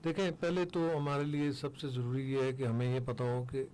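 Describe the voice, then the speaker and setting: Older male interview guest, calm and measured, mid-range voice, faint hiss behind. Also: mid-range voice. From Pakistan. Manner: measured, explanatory, pauses with fillers. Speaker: interview guest, foundation head. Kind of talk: radio interview. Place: radio studio.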